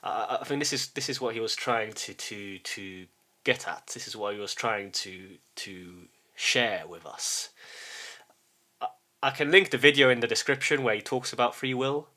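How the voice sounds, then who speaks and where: A man muses aloud in a reflective monologue, pausing and restarting as he searches for words. His voice is bright and forward, set at a middle pitch. He often checks in with a quiet "yes?" as he goes. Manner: halting, thinking aloud with many restarts. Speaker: channel host.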